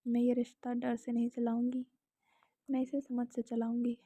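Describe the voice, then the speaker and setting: A woman voicing a quiet, thoughtful young woman. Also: fairly high pitch, monotone, normal speed, husky, no echo. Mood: quiet resolve.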